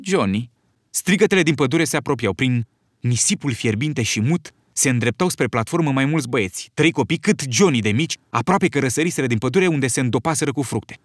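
A man narrating an audiobook in an expressive storytelling manner. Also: medium pitch, no echo, studio quality. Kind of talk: scripted narration.

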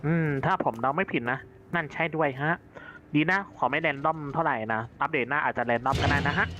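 A man streaming as a VTuber, giving chatty, excitable gameplay commentary with lots of exclamations and polite particles. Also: a little high, fairly quick, background noise. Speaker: VTuber gamer. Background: loud background music.

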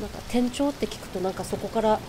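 A woman streaming a game live, shouting excitedly during fights and chatting apologetically to viewers in between. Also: medium pitch, fast talker, very noisy. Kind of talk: live let's-play chat.

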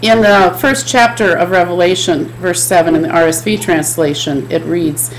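A woman's voice: on the low side, moderate pace, a little hiss or hum, low-quality recording. A middle-aged woman giving a chapel sermon from a home office, speaking in an earnest, repetitive preaching cadence into a desk webcam. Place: home office with bookshelves, indoors.

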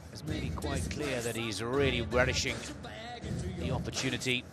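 A man commentates live on boxing. He talks in measured, broken-up phrases, with prominent music playing loudly behind his voice. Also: medium pitch, fairly even intonation.

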